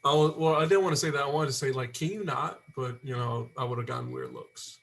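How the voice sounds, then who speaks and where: A man's voice: mid-range voice, very animated, fast, creaky, fairly bright tone. A man co-hosting a podcast in casual chat, blunt and swearing casually. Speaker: podcast co-host.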